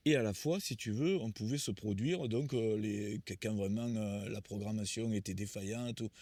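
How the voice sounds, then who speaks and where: A man's voice: fairly low pitch, normal speed, dark tone, no echo. A man in his sixties, a musician being interviewed, telling anecdotes in a rambling way with many restarts. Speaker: musician guest. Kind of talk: conversational storytelling interview.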